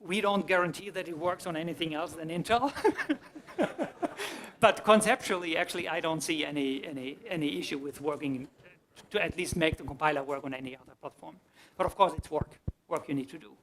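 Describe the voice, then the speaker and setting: A man's voice: on the high side, quick pace, a bit bright. A man giving a conference talk, explaining his answers to audience questions and often restarting his sentences. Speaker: conference speaker. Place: conference hall.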